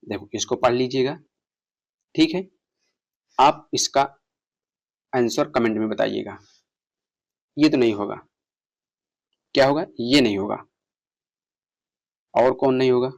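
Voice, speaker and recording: A man teaching an online exam-prep lesson, reading passage lines slowly and explaining them, asking his students questions. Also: medium pitch, vocal fry, dull audio. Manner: reads English passages slowly, explains in Hindi, quizzes viewers. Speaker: English exam tutor.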